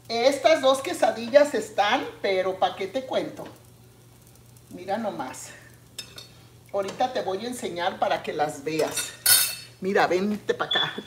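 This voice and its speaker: A middle-aged woman, chatting casually with her viewers as she cooks in her home kitchen, often drifting into soft asides. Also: medium pitch, a little hiss or hum. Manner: chatty, addresses viewers as friends, often trails into quiet asides. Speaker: cooking channel host. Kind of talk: casual cooking vlog chat. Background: food sizzling in a pan.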